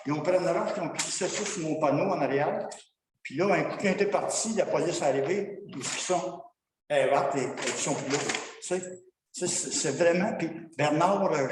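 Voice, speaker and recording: A fed-up man with a Québécois French accent tells his grievances at a town council meeting in a rambling, colloquial way. His voice sits a little high and comes from well away from the mic. It echoes around a large hall with a long reverb, and steady noise is audible underneath. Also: moderate pace, recorded from a distance. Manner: rambling, frustrated, colloquial storytelling. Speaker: citizen at council question period. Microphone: far from the microphone.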